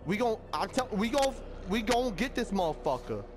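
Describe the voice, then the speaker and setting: Excitable, profane man, high and lively. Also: moderate pace, slight background noise. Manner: profane, excitable, talks to the screen. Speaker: gaming commentator. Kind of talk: let's play commentary. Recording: game music behind.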